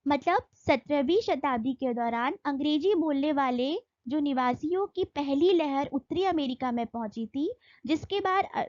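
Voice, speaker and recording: A young Indian woman teaching an exam-prep lesson, reading English notes slowly and then explaining them in Hindi with fillers. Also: high voice, a little mellow, no room sound, muffled recording.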